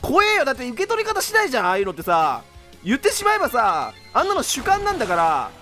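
A young man rants through a game in let's play commentary, rough-spoken and exasperated, breaking into laughs. His voice sits very high and swings widely, with a bright edge. Game music plays faintly underneath. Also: huge pitch swings, fast talker. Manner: rough-talking, exasperated ranting with frequent laughter.

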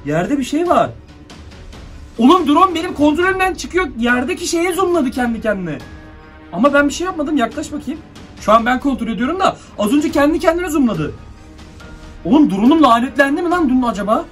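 His voice is extremely high and sing-song, fairly quick and a bit bright, captured from a distance and off the mic. This young YouTuber, frightened and jittery, nervously narrates something odd to viewers during an excited horror-drone video, muttering drone commands over light background music.

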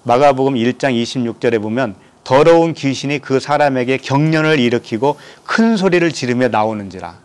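Male pastor from Korea, mid-pitched, preaching; reads scripture and asks the congregation questions. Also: brisk, hardly any pauses. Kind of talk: sermon.

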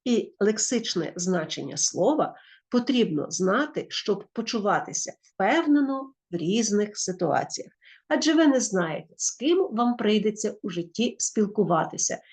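Ukrainian woman, schoolteacher, lively explanatory delivery with frequent self-corrections. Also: medium pitch, moderate pace. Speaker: teacher.

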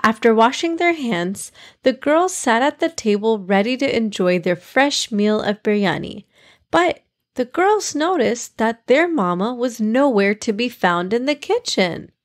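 A woman narrating a children's story in an expressive read-aloud style as podcast host. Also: on the high side, unhurried.

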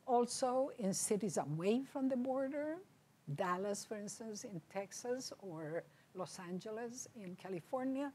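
An older woman from Chile, whose first language is Spanish, lectures in a lecture hall with a mellow, slightly husky voice. She keeps the academic talk conversational and often stops to check in with the room. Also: on the high side, lively intonation, measured pace. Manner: conversational, checks in with "right?" and "okay?". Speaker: lecturer on bilingualism. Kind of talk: academic presentation.

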